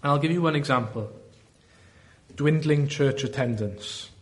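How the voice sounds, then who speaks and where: A man with a Welsh Valleys accent preaching a sermon in an earnest, deliberate way, often posing rhetorical questions. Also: on the high side. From South Wales valleys.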